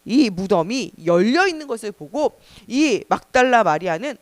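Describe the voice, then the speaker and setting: A woman pastor telling a Bible story at a children's service, animated and asking the children questions. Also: fairly high pitch, normal speed, dry recording. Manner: animated, asks children questions, gasps for drama. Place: church.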